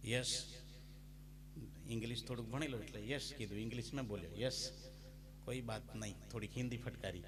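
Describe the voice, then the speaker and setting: Speaking briskly and pausing often in a medium-pitched voice, a man with a Gujarati accent tells humorous, folksy stories in a devotional talk and breaks into sung verses. He's a bhajan singer and spiritual storyteller at a devotional gathering, with live instrumental music and other noise in the background.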